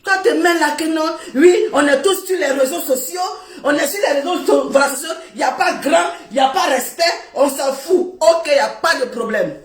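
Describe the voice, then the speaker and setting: A woman with a West African French accent scolding someone on a live video, loud and repetitive, laughing as she talks. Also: high voice, normal speed, hardly any pauses. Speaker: social media personality. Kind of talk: heated live video rant. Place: seated on the floor indoors, filming herself. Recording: roomy echo.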